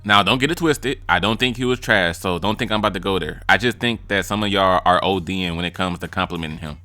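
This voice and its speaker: This is a young YouTube music reviewer ranking freestyles, cracking blunt jokes and dropping into imitations of rappers' lines. He sits low in pitch and talks fast, his tone pushed and bright, with no room sound on the recording.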